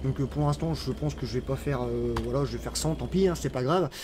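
A man's voice: medium pitch, fairly quick, noisy background. A man giving casual, rambling gameplay commentary, full of fillers and playful asides. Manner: chatty, rambling, many fillers and restarts. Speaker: gaming YouTuber.

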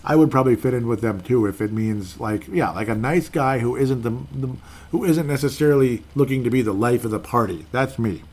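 Speaking a little fast in a mid-range, darkish voice, a man hosting a solo podcast casually rambles through listener comments, correcting himself as he reads.

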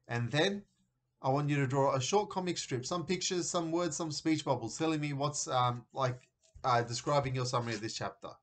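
Man reading a story aloud to students. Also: medium pitch. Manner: steady storytelling, then upbeat classroom instructions. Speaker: teacher.

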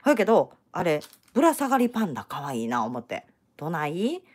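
関西弁で冗談まじりに話す女性、抑揚豊か. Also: female voice, deep voice, big pitch swings, fairly quick, husky. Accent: Kansai Japanese. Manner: chatty, teasing, joking banter. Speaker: crochet channel host. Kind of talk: casual live-stream chat while crocheting.

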